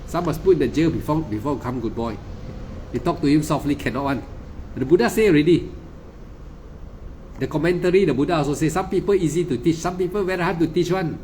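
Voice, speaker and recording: A man's voice: on the high side, fast, long pauses, a little mellow, a little hiss or hum. A man with a Malaysian English accent giving an emphatic, repetitive dharma talk as a meditation teacher, often stammering and restarting. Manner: insistent, lecturing.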